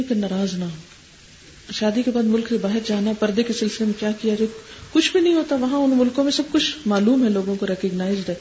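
Woman, religious lecturer answering questions; gentle and advising, mid-pitched, on a dull lo-fi tape with faint hiss. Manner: gentle, advising, often checks in with listeners; mixes English words into speech. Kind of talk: Islamic advice lecture.

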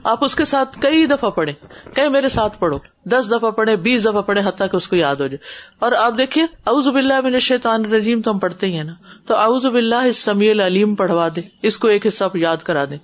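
A woman's voice: mid-range voice, expressive. A woman religious teacher giving a class and answering questions in an earnest, advising way, mixing in English words.

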